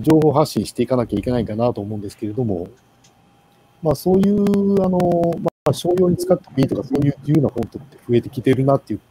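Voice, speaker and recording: A man giving a casual presentation in an online meeting, with many pauses and fillers. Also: mid-range voice, background noise. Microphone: video call.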